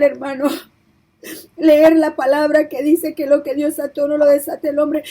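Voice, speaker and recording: On poor audio, a woman preacher with a high yet dark voice gives an emotional testimony of a vision. She breaks into tears, pleading and repeating herself as she tells it.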